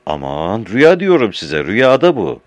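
A man's voice: on the low side, wildly swooping pitch, moderate pace, dry recording. A man voicing a chatty woman artist who tells her dream in an emphatic, insistent and slightly impatient way.

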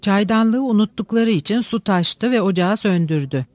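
A measured, wry literary narration at a middle pitch. The recording is dry and close, with no room sound. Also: lively intonation, a little mellow, dry recording.

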